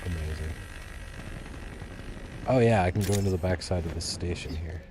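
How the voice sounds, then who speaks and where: A man's voice: deep voice, normal speed, noisy background. A man casually commenting on a game he is streaming, loose and chatty with some swearing. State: hiccups.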